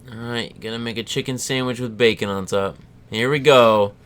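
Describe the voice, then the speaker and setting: A woman's voice: a bass voice, moderate pace. A woman co-hosting a let's play with casual, offhand chat.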